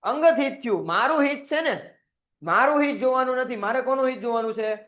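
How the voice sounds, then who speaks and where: A man's voice: very high-pitched, fairly quick, a bit bright. A man teacher giving a recorded lecture, firing off rhetorical questions, acting out small quoted scenes and dropping English words into his talk. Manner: asks constant rhetorical questions, acts out little quoted scenes. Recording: dull lo-fi audio.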